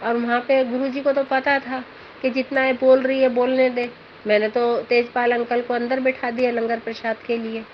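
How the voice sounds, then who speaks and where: A woman's voice: a little high, flat delivery, normal speed. A middle-aged woman earnestly telling a rambling, emotional devotional testimony about her husband. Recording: dull lo-fi audio with faint background noise.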